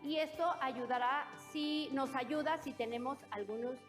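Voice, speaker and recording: A woman's voice: sits high, a little slow, soft background music. A woman, teaching children rhythm and patiently chanting counts over hand claps. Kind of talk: instructional demonstration for children.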